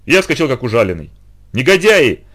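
A man reading a children's story aloud at a brisk clip. His voice swings up and down with plenty of life. He sits mid-range in pitch. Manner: animated, quick storytelling. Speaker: narrator.

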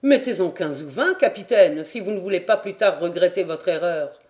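An audiobook reader voicing a male quartermaster guide who speaks in a firm, calm and assured way. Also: medium pitch, moderate pace, lightly acted. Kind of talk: audiobook character voice.

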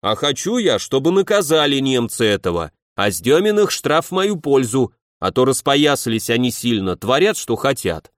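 A plump, indignant nobleman, played by a male narrator, presses his complaint with insistent righteousness. His pitch moves a lot as he argues. The sound is close and dry. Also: sing-song, normal speed, hardly any pauses, dry recording, natural voice. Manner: aggrieved, insistent.

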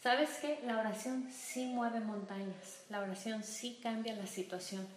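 Echoey, higher-voiced woman giving a lively church talk. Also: measured pace, recorded from a distance. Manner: lively, teasing, asks "¿sí?" often. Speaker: women's group speaker. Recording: very echoey room with faint noise.

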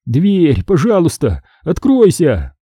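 A careful, steady teenage boy speaks in a somewhat raised voice, as a male narrator acts him. It has a husky, dark tone, and the recording is dry. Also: fairly high pitch, takes it slowly, dry recording, pitched above the performer's own voice, full character voice. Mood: tense.

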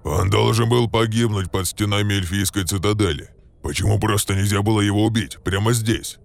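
A man's voice: lowish voice, a little fast, creaky. A man voicing a resentful young orc son who talks sullenly through clenched teeth.

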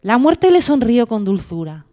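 A woman narrating a storybook tale aloud in a gentle, measured reading voice. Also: on the high side, big pitch swings. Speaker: story reader.

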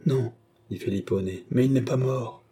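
A man's voice: medium pitch, moderate pace, mellow, slightly rough. A man reading aloud, voicing a dying old man who confesses his crimes in a faint, broken, pleading voice. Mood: confessing.

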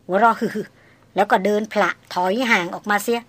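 A woman reading a novel aloud as an audiobook narrator in a measured, literary way. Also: medium pitch, fairly even intonation, dry recording.

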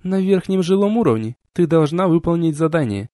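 A man doing a hushed voice in the head. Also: fairly high pitch, expressive, a little fast, dry recording, clean studio sound, voice pushed up, close to an everyday voice. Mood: matter-of-fact. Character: calm disembodied prompt voice inside the head.

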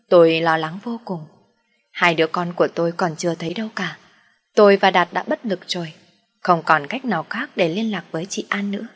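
A woman's voice: fairly low pitch, breathy edge. A woman narrating a dramatic audio story.

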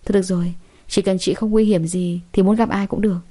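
A woman reads a protective young man in a storybook drama, anxious and polite with his elder sister-in-law. The voice stays mellow and warm in the telling. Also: mid-range voice, steady tone, quick pace, natural voice. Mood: concerned.

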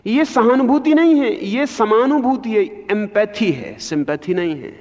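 A man giving a spiritual discourse, speaking slowly and with emphasis, his voice rising sharply on key points, in a lo-fi archival recording. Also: sits high, lively intonation, a little mellow. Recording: lo-fi archival recording in a long-reverb hall.

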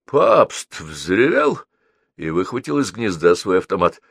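A man narrating an adventure audiobook in an expressive, animated reading. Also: low-pitched, takes it slowly, vocal fry, husky, no echo. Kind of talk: scripted narration.

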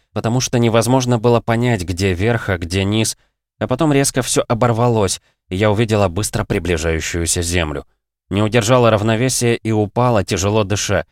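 A man with a low voice reading a first-person story in an even, measured way. The sound is close and dry, with no room echo. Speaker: audiobook reader. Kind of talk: scripted first-person narration.

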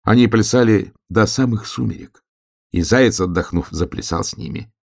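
A man narrating a children's story in an expressive, lilting reading. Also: fairly low pitch, normal speed, gravelly.

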